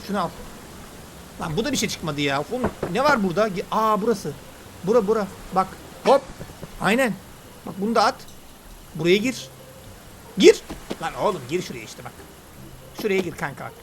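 A man talking excitedly and casually while he plays a game and comments on it. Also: high-pitched, a little hiss or hum. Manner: chatty, excitable, slangy banter. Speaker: gaming YouTuber. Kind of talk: let's play commentary.

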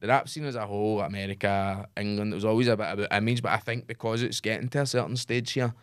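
A Scottish man chatting as a podcast guest, easygoing and unhurried, his thoughts often trailing off. His voice is fairly low and the sound is dry and close. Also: steady tone, smooth, no echo. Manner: laid-back, easygoing, trails off. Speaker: guest rapper. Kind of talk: casual interview chat.

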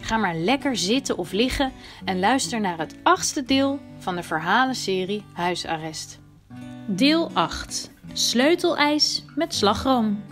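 A woman's voice: on the high side, animated, slow. A woman presenter introducing a children's story series in scripted narration. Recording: soft guitar music behind.

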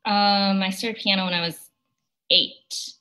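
A young woman from China speaks in a bright, clear-edged voice over a video call. She answers interview questions thoughtfully, with plenty of "um"s along the way. Her pitch sits in a middle range for a woman. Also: steady tone, slow, low-quality recording. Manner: thoughtful, with frequent fillers and light laughs. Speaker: opera singer, guest.

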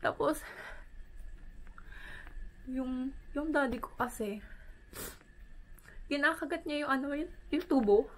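A woman from the Philippines, a vlogger, retelling a painful personal story in a halting, emotional way with many pauses and fillers. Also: high voice, slight background noise, poor audio.

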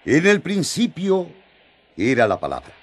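John, a fervent, very animated disciple. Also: male voice, fairly high pitch, slightly rough, heavily acted. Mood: solemn, proud. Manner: emphatic, halting with eagerness, coaxing. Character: John the apostle, earnest, fervent, excitable male disciple. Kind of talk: radio drama acting in colloquial Spanish.

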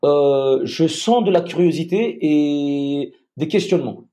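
A man from Madagascar telling a personal story as a podcast guest, halting and repeating words, acting out the people he quotes. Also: on the high side, mellow.

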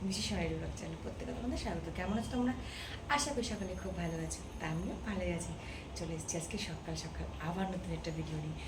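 A woman's voice: on the low side, rapid-fire, background noise. A woman, chatting casually to viewers in a home vlog while doing housework. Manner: chatty, addresses viewers directly. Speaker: vlogger, housewife. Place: home, kitchen and bathroom.

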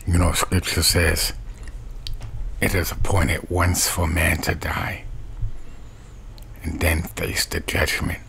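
A middle-aged man preaching a webcam sermon from a small bedroom, with a slow, repetitive preaching cadence. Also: low-pitched, little pitch movement, creaky, sharp tone, slight background noise. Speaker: street preacher.

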